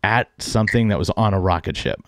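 Male host, low voice, easygoing and loose-spoken, dry close sound. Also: brisk, no echo. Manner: relaxed, loose, with many likes. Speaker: host, interviewer. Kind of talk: casual interview chat.

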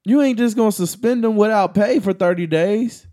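A man's voice: sits high, normal speed, mellow. A man co-hosting a casual podcast, talking in slang and arguing his points by repeating them. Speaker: podcast co-host.

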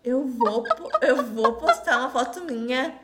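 A woman co-hosting a casual podcast chat, lively and teasing, laughing often. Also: sits high, unhurried, reverberant, very noisy. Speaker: podcast co-host.

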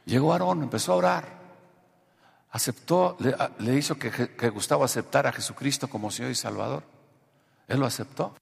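A man's voice: medium pitch, a little fast, vocal fry. A man with a Mexican accent preaching a sermon and telling a testimony, shifting from storytelling into emphatic preaching. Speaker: pastor. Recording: long hall reverb.

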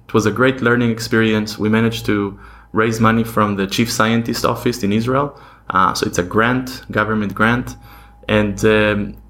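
A man from Argentina, a podcast guest, answering in a thoughtful, steady way with frequent ums. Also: fairly low pitch. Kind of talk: interview answers.

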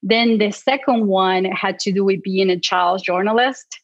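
A woman's voice: medium pitch, a little slow, dry recording, dull audio. A woman in her thirties from Argentina, whose first language is Spanish, chatting casually as an interview guest with many fillers and light laughs. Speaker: clinical psychologist guest.

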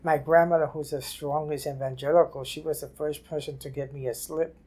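An older woman from New City, telling her life story haltingly in an oral history interview. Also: low voice, fairly even intonation, warm tone, slightly rough. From New York City. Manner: halting, repeats and restarts phrases. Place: library office.

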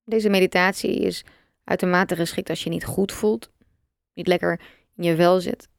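A woman guiding a meditation, speaking slowly and softly with long pauses. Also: fairly low pitch, vocal fry, no room sound, studio quality. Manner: slow, soft and calm, with long pauses. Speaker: meditation guide. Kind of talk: guided meditation.

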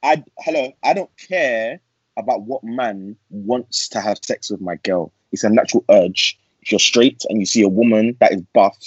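A man's voice: lowish voice, moderate pace, slightly rough. A young man with an urban London roadman accent, arguing casually and emphatically, repeating himself and leaning on street slang. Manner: emphatic, repetitive, slang-heavy. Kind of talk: heated casual group debate. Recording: echoey, muffled lo-fi room sound.

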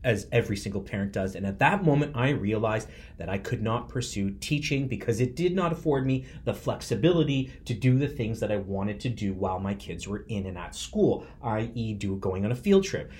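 A man's voice: lowish voice, animated, fairly quick, hardly any pauses, a little mellow. A man in his forties hosting a podcast, delivering an earnest, emphatic motivational monologue. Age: 40s. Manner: earnest and emphatic, speaks from the heart. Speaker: podcast host.

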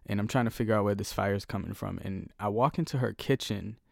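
Low, dry-voiced man rambling solo. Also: a little fast, gravelly, dry recording. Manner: rambling, profane, self-deprecating. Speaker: podcast host. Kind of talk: solo casual podcast monologue. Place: at home.

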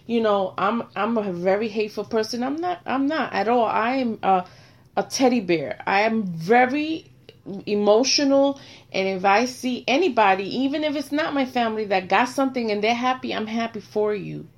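A middle-aged woman hosting a casual chat, speaking bluntly and with animated swings between quiet and loud. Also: a little high, normal speed, lo-fi sound. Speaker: host.

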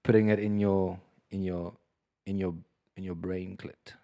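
A man's voice: low voice, level tone, measured pace, warm tone. A man co-hosting a casual podcast over beers, rambling with many restarts and swearing freely. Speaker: podcast co-host.

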